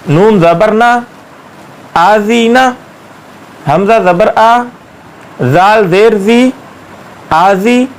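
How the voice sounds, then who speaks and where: A man's voice: high-pitched, vocal fry, low-quality recording. A man teaching Quran reading, patiently spelling out syllables one by one and drawing out each sound. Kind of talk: slow step-by-step recitation lesson.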